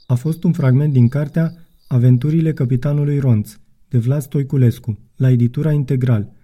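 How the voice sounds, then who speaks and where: A man reading a children's audiobook as narrator, in an even storytelling manner. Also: medium pitch, highs cut off. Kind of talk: scripted narration.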